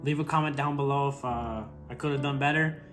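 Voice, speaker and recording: A man's voice: medium pitch, steady tone, brisk. A young man chatting casually and rambling with lots of fillers while cooking on his vlog. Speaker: vlogger. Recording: guitar music playing behind.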